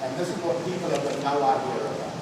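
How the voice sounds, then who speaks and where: A man's voice: mid-range voice, fast. A man giving a business talk to an audience, speaking emphatically and repeating his points to drive them home. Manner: emphatic, repeats points and addresses listener by name. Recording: echoey hall, mic from far off, background noise.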